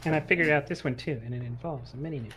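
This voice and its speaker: A man's voice: fairly high pitch, racing, a bit bright, slight background noise. A man playing a tabletop game, teasing the others in casual banter. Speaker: player. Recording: group chatter behind.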